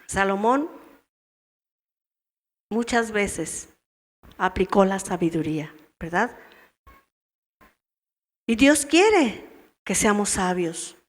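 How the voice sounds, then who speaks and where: A woman's voice: medium pitch, animated, takes it slowly, pauses often. A woman with a Mexican Spanish accent teaching a women's church meeting, asking her listeners question after question and acting out wives' replies. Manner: asks the audience many questions, acts out wives' replies. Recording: long hall reverb in a church.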